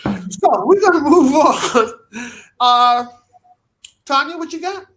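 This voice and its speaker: A man's voice: very high voice, animated, takes it slowly, fairly bright tone. A man from Washington DC co-hosting an interview, trading playful jokes with the guest. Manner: joking, playful banter. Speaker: co-host.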